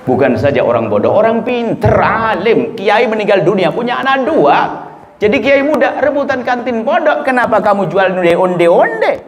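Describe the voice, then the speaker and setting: A man from Indonesia preaching a lively sermon, acting out the people he quotes and swinging between low murmurs and high exclamations. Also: normal speed. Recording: roomy hall echo, faint ambience.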